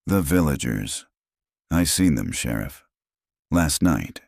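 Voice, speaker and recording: A man's voice: rumbling low, animated, slow pace, creaky, a little mellow, dry recording, studio quality, full character voice. A man voicing a frightened male deputy who mutters in a cracking voice. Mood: fearful. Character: shaken male deputy, fearful and haunted.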